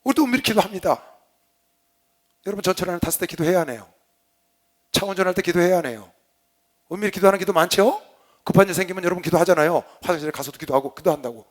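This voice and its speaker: A man, a pastor giving a Bible lecture sermon, fervently swinging between loud exhortation and quiet asides. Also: sits high, expressive, racing, pauses often. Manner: tells personal stories with laughter.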